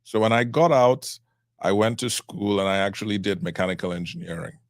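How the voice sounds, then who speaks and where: A middle-aged man from Cameroon, a trial attorney, speaking as a guest in an interview in a measured, reflective way. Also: on the low side, dry recording, clean studio sound. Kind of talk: interview conversation.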